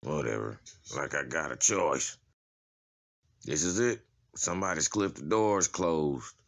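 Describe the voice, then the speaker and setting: Here a male actor does a full character voice as a hardened convict leading a tour in a comic drama. His extremely low voice has vocal fry and some brightness, lively intonation, and a measured pace. He sounds guarded but stays laid-back, slangy, and foul-mouthed.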